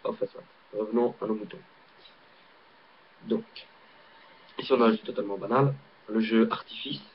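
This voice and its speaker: A man's voice: on the low side, normal speed. A man with a Belgian French accent, casually demonstrating a card trick in a rambling, hesitant way with many fillers, recorded on a laptop webcam mic. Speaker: amateur magician. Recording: dull lo-fi webcam audio, faint hiss.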